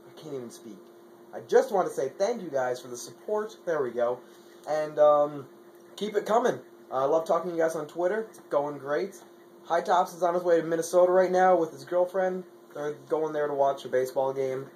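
A man's voice: a little high, normal speed, darkish tone, slight background noise. Rambling young man vlogging. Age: young adult. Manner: rambling, filler-heavy, stumbles over words. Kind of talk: casual vlog. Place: Madison, Wisconsin, partly outdoors.

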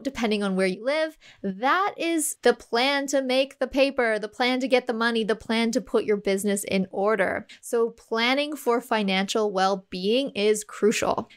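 A woman hosting her own podcast, talking casually and upbeat with small laughs between points. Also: on the high side. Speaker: podcast host. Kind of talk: casual solo podcast talk.

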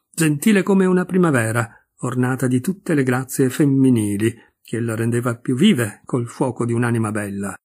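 A man reading a classic novel aloud in a measured, expressive narration. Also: medium pitch, breathy edge. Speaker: audiobook reader. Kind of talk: scripted literary narration.

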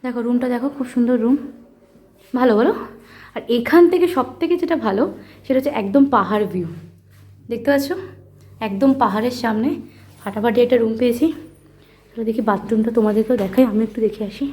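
A woman's voice: on the high side, fast talker, pauses often, mellow. A woman, giving an enthusiastic on-location vlog tour and exclaiming over hills and rooms. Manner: enthusiastic, chatty, exclaiming at the view. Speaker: travel vlogger. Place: outdoors and in a hostel room.

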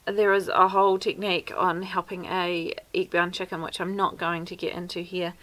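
Speaking at normal speed into a camera at arm's length, a homestead vlogger in her thirties shares practical care tips outside beside a wooden fence. She has a New Zealand accent and a fairly low, fairly bright voice with little pitch movement, and the recording quality is low.

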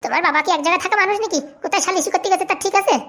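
A woman's voice: extremely high pitch, rapid-fire, sharp tone, exaggerated voice. A woman voicing a fussy, caring mother-in-law who gives motherly instructions and warnings.

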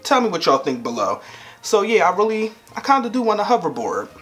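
A man's voice: high-pitched, very animated, fairly quick, a bit bright. Young man chatting playfully, faint music behind. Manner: chatty and playful, laughs often. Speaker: vlogger. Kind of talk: casual chat to camera.

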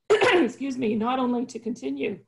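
A woman in her sixties, speaking on a panel over a video call from a home office, measured and earnest with many fillers. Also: high voice, expressive, vocal fry. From Canada.

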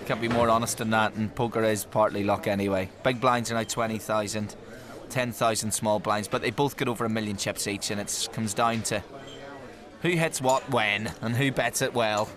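A man giving live poker commentary, lively, jokey and emphatic. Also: lowish voice, moderate pace. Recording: crowd noise in the venue. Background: crowd noise.

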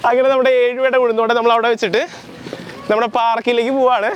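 A very high male voice holds a level tone and talks fast. The young man is a vlogger playfully chatting to his viewers in a casual DIY video, making and wearing costume puppets outside on the street and in a park.

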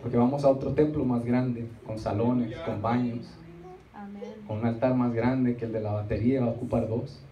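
The speaker is a middle-aged preacher with a mid-range voice and fairly even intonation, delivering a Spanish sermon built on rhetorical repetition and acted asides. He's emphatic, lengthening key words and stopping for congregational responses. Lo-fi sound from a handheld mic, recorded in the seats of a small church meeting room, comes across roomy and distant with faint noise.

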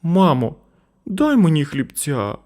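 A man's voice: a little high, huge pitch swings, slow pace, darkish tone, voice pushed up, exaggerated voice. A man voicing a capricious three-year-old boy in a children's story. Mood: whiny. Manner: capricious, pestering. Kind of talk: storybook narration.

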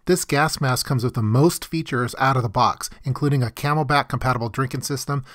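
A man's voice: medium pitch, a bit bright. A man, presenting a product review as its host. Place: hedged backyard, outdoors.

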